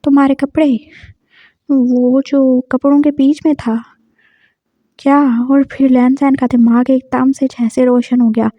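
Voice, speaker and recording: A teasing yet protective young man , voiced by a woman, speaks in a light, playful tone. His voice sits high, recorded close and dry with slightly dulled highs. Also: little pitch movement, unhurried, no room sound, dull audio. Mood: curious. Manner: teasing, then gently soothing.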